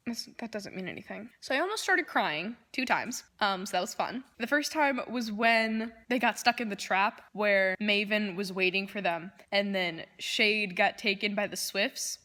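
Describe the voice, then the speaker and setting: A woman's voice: medium pitch, pushed and bright. A woman chatting casually to camera about her reading, effusive and rambling, with a lot of "like" in her speech. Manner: effusive, rambling, uses "like" often. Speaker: book vlogger.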